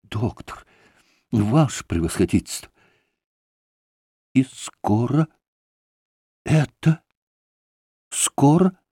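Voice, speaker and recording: A man's voice: mid-range voice, sing-song, very slow, pauses often, warm tone, breathy edge, no echo, clean studio sound, heavily acted. A man voicing a frantic begging staff captain. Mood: desperate pleading. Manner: imploring, breaking off mid-plea. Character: desperate poor middle-aged staff captain pleading.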